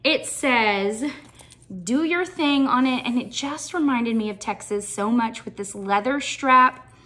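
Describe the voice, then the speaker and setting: A woman's voice: on the high side, unhurried, sharp tone. A woman chatting through a show-and-tell vlog as she packs a gift box, enthusiastic and full of ums. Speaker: shoebox packing vlogger.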